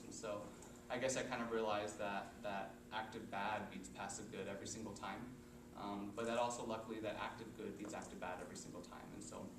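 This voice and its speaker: A young man from Missouri giving a casual political candidate's opening statement, quick and full of fillers. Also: fairly low pitch. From Missouri, USA. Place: meeting chamber. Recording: echoey hall, far off mic, noisy.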